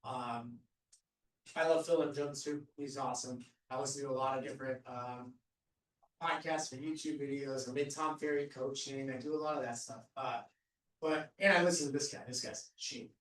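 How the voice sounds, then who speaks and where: A man's voice: medium pitch, fairly even intonation, moderate pace, a bit bright. A man on a discussion panel who talks casually, with many fillers. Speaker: real estate agent panelist. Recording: echoey room, mic at a distance.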